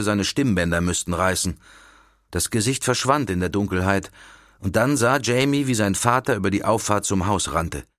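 Low-voiced male audiobook narrator. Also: a bit bright, no room sound, studio quality. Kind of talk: scripted narration.

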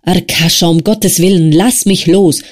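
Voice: mid-range voice, fairly even intonation, measured pace, darkish tone, lightly acted. A reader voicing a frail young man who pleads in a strained, rising voice in an audiobook. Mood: pleading. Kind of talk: audiobook character voice.

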